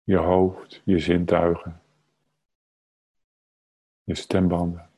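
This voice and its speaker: A man leading a guided meditation, speaking calmly and unhurriedly in short phrases with long pauses and a husky, soft-edged voice. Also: low-pitched. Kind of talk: slow guided meditation narration.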